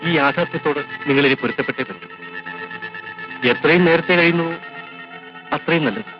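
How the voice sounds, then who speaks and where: An actor playing a calm hospital doctor in a 1980s film drama, speaking in a measured, formal way and mixing in English phrases. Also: male voice, fairly high pitch, close to an everyday voice. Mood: grave. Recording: dull 1980s film soundtrack with faint music.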